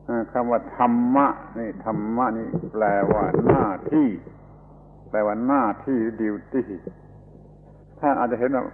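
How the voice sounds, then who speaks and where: A man giving a slow, emphatic Buddhist dhamma talk, repeating key words as he teaches. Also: mid-range voice, fairly even intonation, background noise. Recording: old lo-fi radio recording with long reverb.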